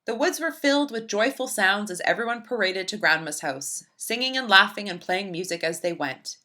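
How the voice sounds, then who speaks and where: Reading a picture book for children, this woman speaks at an ordinary speed and medium pitch, bringing expressive storytelling flair to the text.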